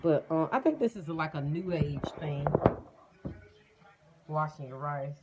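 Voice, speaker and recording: A woman's voice: sits low, animated, a little slow, highs cut off, heavy background noise. A woman chatting casually and folksily to her viewers in a home vlog. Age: adult, mother of children. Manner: folksy, addresses viewers as y'all and guys. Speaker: family vlogger. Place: at home, indoors.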